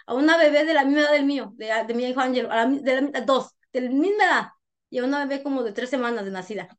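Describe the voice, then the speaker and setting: A Mexican woman with a Mexican accent, a guest telling her life story in an interview, animated and frank, acting out what others said. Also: high-pitched, quick pace. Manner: animated storyteller who acts out other people's lines; frank, uses crude slang.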